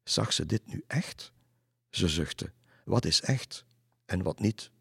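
A man reading a folk tale aloud in a measured way. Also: low-pitched, animated, vocal fry, fairly bright tone, breathy edge, no room sound, clean studio sound. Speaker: narrator. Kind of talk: storybook narration.

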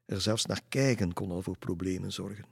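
A man reads a children's story aloud in a calm, unhurried way. His voice is very low and a little husky. The recording is close and dry, with no room sound. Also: no echo.

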